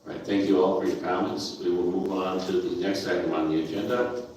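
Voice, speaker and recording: A man chairing a council meeting, moving the agenda along in a procedural, slightly hesitant way. His voice is very deep and distant, swallowed by a very echoey hall. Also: steady tone, a little fast, darkish tone, a little hiss or hum.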